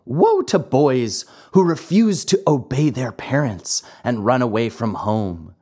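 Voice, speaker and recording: A woman voicing a wise old male cricket who lectures in a calm, breathy voice. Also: very deep voice, slow pace, full character voice. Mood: solemn.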